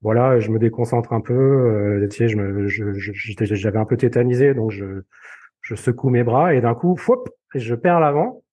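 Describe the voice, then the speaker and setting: A man telling a personal story in casual conversation, halting and full of fillers and repeated words. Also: medium pitch, dark tone. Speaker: podcast guest.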